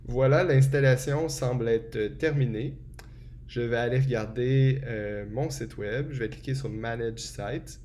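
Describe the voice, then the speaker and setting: A man walks through a software setup step by step in a relaxed tutorial, often pausing with hesitations. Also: medium pitch, slight background noise. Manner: relaxed and explanatory, frequent hesitations. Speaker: tutorial presenter. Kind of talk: screen-recorded software tutorial.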